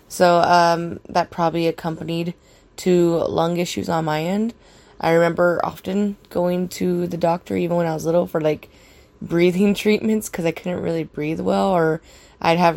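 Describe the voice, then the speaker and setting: This is a young woman telling a personal story loosely and rambling, with plenty of fillers and swear words; her raspy voice is lowish and a bit mellow.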